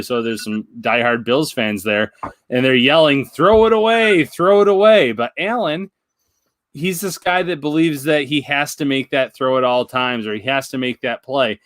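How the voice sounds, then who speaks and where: A man's voice: mid-range voice, fairly bright tone, clean tone, no room sound, studio quality. A man co-hosting a casual sports talk show, breaking down plays in an analytical way. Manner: analytical, builds points with examples. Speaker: podcast co-host.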